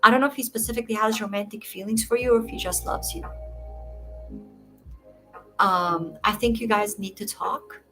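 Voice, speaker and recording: A woman's voice: medium pitch, steady tone, moderate pace, long pauses. Egyptian-born woman reading tarot over music. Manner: warm, reassuring, addresses viewers as dear. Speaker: tarot reader. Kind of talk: casual livestream chat.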